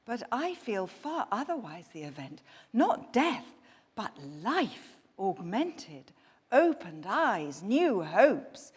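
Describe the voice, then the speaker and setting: A woman voicing Eve, the first woman, eager and persuasive, in a measured dramatic verse reading. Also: medium pitch, sing-song. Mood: adoring. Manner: measured, earnest verse delivery. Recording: long hall reverb.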